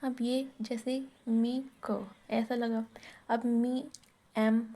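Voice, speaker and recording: A woman's voice: on the high side, flat delivery, drawn-out words, mellow. A woman teaching shorthand in a casual step-by-step lesson, asking and answering her own questions as she writes.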